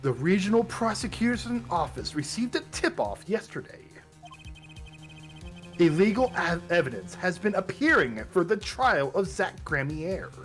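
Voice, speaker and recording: Guy doing a polite sly prosecutor from a game, measured, pitch moves around a lot, faint music. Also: sing-song, a bit bright, full character voice. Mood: probing. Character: smooth-talking, composed male courtroom prosecutor. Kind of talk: reading video game dialogue aloud.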